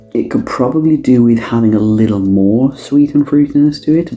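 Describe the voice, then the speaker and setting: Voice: low voice, dark tone, highs cut off. A casual tasting review, the speaker thinking aloud with many ums and restarts while trying a drink. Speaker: drinks taster reviewing canned cocktails.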